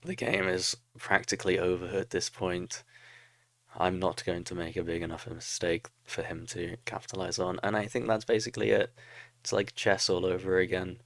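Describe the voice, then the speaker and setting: A young man with a low, gravelly voice talks through a replay of his own strategy match, picking apart his mistakes and laughing at himself. His voice sounds dry and close, with no room around it. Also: little pitch movement, moderate pace, fairly bright tone, no room sound. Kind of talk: casual game commentary.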